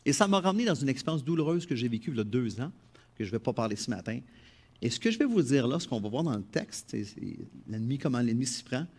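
A middle-aged man with a Quebec French accent delivers a sermon in a voice of ordinary pitch. He preaches with animation, rising into loud emphatic phrases and dropping into quiet, confiding asides. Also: sing-song, fast, slightly rough. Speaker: pastor.

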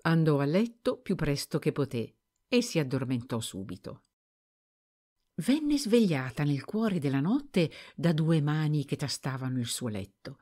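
A woman reads a story aloud as an audiobook narrator, in a low voice that moves lively up and down. Her telling is expressive and carefully scripted. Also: measured pace.

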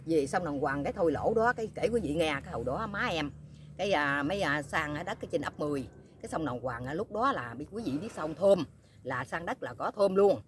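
A woman's voice: low voice, slight background noise. A woman, telling rambling stories to her viewers in a chatty vlog, often asking them "you know what?". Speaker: vlogger. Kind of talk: casual storytelling to viewers.

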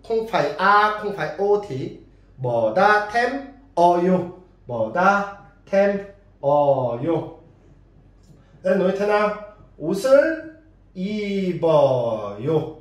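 A man's voice: high voice, echoey room. A man with a Korean accent, a native Korean speaker teaching a language lesson, drilling words and asking his students questions. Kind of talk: classroom lesson.

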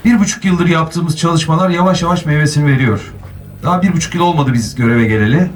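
A man's voice: a little high, quick pace, recorded from a distance, slight background noise. A man, a mayor, giving an earnest public speech at a podium microphone.

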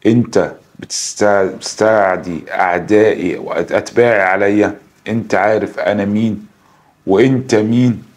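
A man voicing a proud, defiant female jinn, a king's daughter, who speaks in a low, hushed and threatening way. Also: fairly even intonation, moderate pace, natural voice. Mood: enraged.

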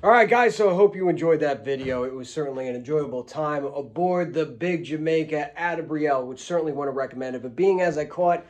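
A man in his forties, a fishing vlogger, talking casually and upbeat to the camera indoors at a tackle counter. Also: on the high side. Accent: New Jersey. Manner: upbeat, chatty, quick asides. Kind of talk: casual vlog talk to camera.

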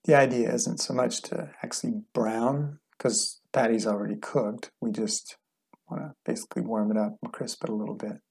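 Gravelly, husky-voiced man teaching cooking. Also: mid-range voice. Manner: relaxed, unhurried, plain-spoken. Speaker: cooking instructor. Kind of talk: calm step-by-step cooking demonstration. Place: home kitchen, indoors.

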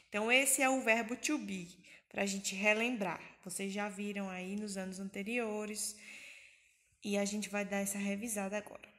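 A woman's voice: mid-range voice, fairly bright tone. A woman from Brazil with a Bahia accent, teaching an English grammar lesson in Portuguese, patiently repeating and translating each example.

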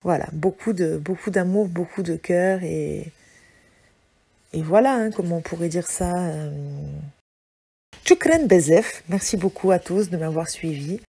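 Music plays under a fairly low, unhurried voice that is warm with a breathy edge. She is a French singer-songwriter in her forties, rambling loosely and hesitantly as she comments on her own music clips.

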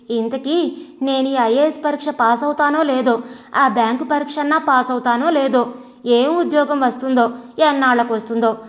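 A woman's voice: high voice, natural voice. Woman narrator doing a condescending young college man in a storybook reading; lectures, brushes things off. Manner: lecturing, talks down. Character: young male student, glib and dismissive.

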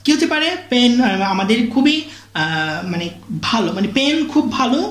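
A woman teaches grammar in a lively, swooping voice, pitched a bit high. She keeps checking that her students follow, asking questions and then answering them herself, and she stretches out her example sentences slowly. The room around her is echoey. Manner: repeats "ঠিক আছে?" after each point, asks and answers herself; slow, drawn-out English example sentences. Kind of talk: online grammar lesson.

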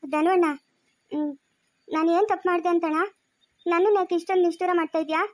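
Brief: a woman playing a begging young daughter, high and insistent. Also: fairly even intonation, brisk, no room sound, studio quality. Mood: pleading. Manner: pleading, insistent. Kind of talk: amateur family drama acting.

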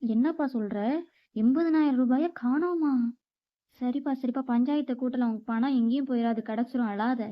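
A woman's voice: high-pitched, moderate pace, no room sound, dull audio, lightly acted. A woman voicing a stern old male village elder who presides over a dispute and scolds the people around him. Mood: reassuring. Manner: commanding, scolding.

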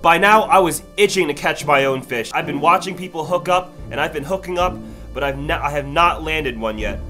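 Speaking fairly quickly in a fairly high voice, a young angler eagerly recounts landing his first salmon. This vlog voice-over of his fishing trip is excited and earnest, set against loud background music.

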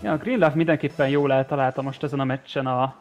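A man provides live analytical co-commentary on an esports match. His voice is of average pitch. There is faint music behind him.

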